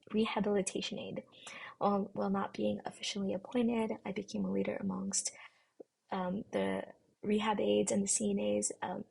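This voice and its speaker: Gravelly breathy young woman, flat delivery. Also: medium pitch. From Philippines. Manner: earnest, formal, rehearsed delivery. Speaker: nursing program applicant. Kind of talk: prepared interview answers.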